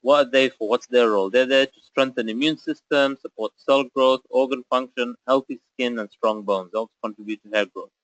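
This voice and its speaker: A man's voice: mid-range voice, steady tone, brisk, few pauses, a bit bright, no echo, rough recording. Man giving a dry, step-by-step webinar talk. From Zambia. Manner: explanatory, step-by-step, frequent "uh" fillers. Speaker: webinar presenter on nutrition. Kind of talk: webinar lecture.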